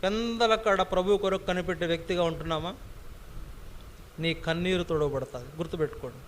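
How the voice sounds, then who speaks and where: A man's voice: high-pitched, a little fast. A man preaching a sermon, emphatic, repeating phrases and putting rhetorical questions to the congregation.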